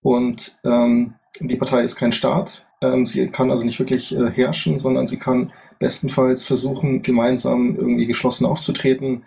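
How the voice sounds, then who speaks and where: A man speaking from the audience at a panel discussion, making his points in a measured, orderly way. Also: medium pitch, flat delivery, vocal fry, warm tone, husky. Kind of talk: spontaneous debate statement.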